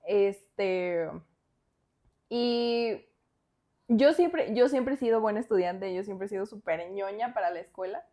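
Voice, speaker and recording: A young woman with a Mexican accent telling a personal story on a podcast in a chatty, animated way, full of fillers. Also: medium pitch, slow. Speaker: podcast co-host. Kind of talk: casual storytelling.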